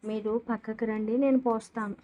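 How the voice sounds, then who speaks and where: A woman voicing an anxious middle-aged mother who speaks softly and worriedly. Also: on the high side, fairly even intonation, normal speed, lightly acted, rough recording. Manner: worried, soft.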